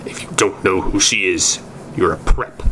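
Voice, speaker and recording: This dramatic amateur story reading features a man performing fan fiction theatrically and sometimes fumbling words. He speaks at normal speed in a low-pitched, bright, forceful voice, and the recording is noisy.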